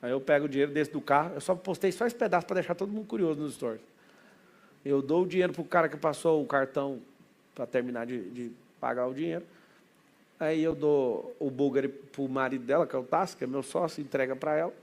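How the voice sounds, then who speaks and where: A man with a Brazilian Portuguese accent, a business mentor telling an excitable story to a group, full of asides. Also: fairly high pitch. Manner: excitable, rapid anecdotal delivery with many asides.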